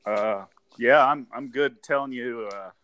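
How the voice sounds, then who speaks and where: A man's voice: medium pitch, a little slow, pushed and bright, no echo. A man of forty talks through a story on a casual interview show, looping back and repeating words as he goes, laughing now and then. His voice sits in a middle range and the sound is close and dry, with no room around it. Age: 40s. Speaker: guest.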